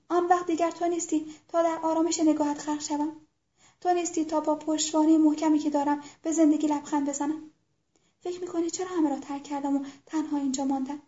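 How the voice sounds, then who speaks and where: A devoted young man in love, as a woman reads him aloud from a storybook. The voice is high and mellow, with little rise and fall, and is soft and earnest. The recording sounds dull and lo-fi. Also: flat delivery, lightly acted. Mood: pleading.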